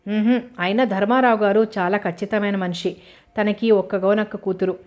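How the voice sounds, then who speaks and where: A woman's voice: medium pitch, fairly even intonation, brisk, darkish tone, close to an everyday voice. A woman voicing a proud, wealthy middle-aged farmer who speaks in a reasoning, dismissive way.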